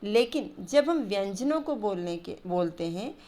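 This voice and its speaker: A woman's voice: medium pitch, animated, a little slow, mellow. A woman teaching a grammar lesson to children, patiently spelling out letters and sounds one by one over slides.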